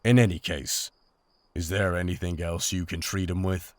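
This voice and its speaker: In a fantasy audio drama, a man plays a seasoned, honorable monster hunter. His low-pitched voice holds a steady tone, with no echo and close to an everyday sound, and his speech is formal, restrained, measured and serious.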